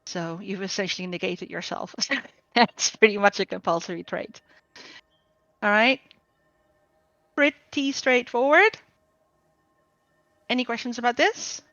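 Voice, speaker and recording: A woman's voice: mid-range voice, a little slow, long pauses, fairly bright tone, no echo. Lady walking her guild through a build on group voice chat, lots of ums, dull dry mic sound. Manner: explanatory, with frequent ums. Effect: group voice chat audio. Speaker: guild trainer. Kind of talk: game build tutorial.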